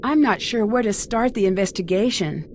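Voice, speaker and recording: A woman's voice: mid-range voice, normal speed, slight background noise, close to an everyday voice. A woman playing a curious, polite young female detective in a video game, with an inquisitive way of talking.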